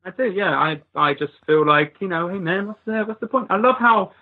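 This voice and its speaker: Male co-host, high husky voice, crude banter, dull lo-fi sound. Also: lively intonation, a little fast. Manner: crude, joking, filler-heavy. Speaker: podcast co-host. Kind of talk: casual comedic chat. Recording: dull lo-fi recording.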